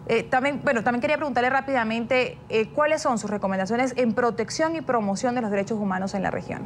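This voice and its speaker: Female news interviewer, brisk and a bit rushed, faint noise behind. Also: on the high side. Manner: rushed questioning with fillers.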